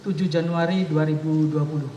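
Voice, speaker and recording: A male prosecutor with a slightly high voice questions a witness formally, pausing and restarting. He sounds distant in an echoing courtroom. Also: fairly even intonation, dull audio. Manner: formal, halting. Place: large indoor courtroom. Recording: echoey courtroom, distant, faint noise.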